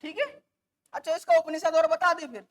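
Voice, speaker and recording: Woman teacher, high voice, repeats every key word slow so students can write it down. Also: steady tone. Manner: repeats and dictates key terms slowly; calls students "beta" and "bachche". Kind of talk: classroom lecture.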